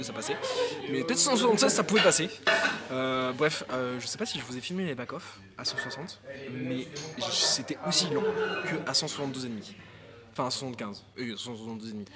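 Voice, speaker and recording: A powerlifter filming a training vlog chats casually after his workout in a busy indoor gym, using plenty of fillers and gym slang. His medium-pitched voice sounds hoarse and worn out. Loud cheering from the gym crowd fills the recording.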